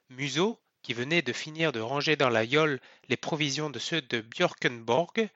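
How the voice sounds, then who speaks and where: A man narrating a novel aloud in a steady, expressive storytelling manner. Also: a little high, no echo, dull audio. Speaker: audiobook narrator. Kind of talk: scripted narration.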